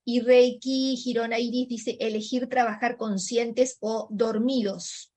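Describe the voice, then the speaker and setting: A woman co-host reading out viewer comments and questions, briskly naming each commenter. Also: fairly high pitch, fairly even intonation, a little mellow.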